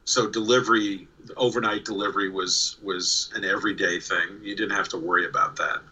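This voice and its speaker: A New York man in his sixties, with a faint local accent, tells stories as a guest in a video-call interview, often restarting and repeating words. His deep voice is fairly even in intonation, fairly quick, pushed and bright. The remote call audio is rough.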